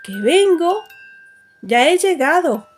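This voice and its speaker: A woman voicing a sly male wolf who fakes a soft, gentle mother's voice in a storybook tale. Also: very high-pitched, sing-song, slow, soft background music, exaggerated voice. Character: sly male wolf trying to fool young goats.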